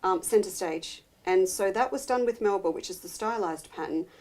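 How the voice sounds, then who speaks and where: A woman's voice: mid-range voice, darkish tone. Chatty Australian woman. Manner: chatty, teasing, quick to laugh. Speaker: quilting fabric presenter. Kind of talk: casual chat on a live craft show.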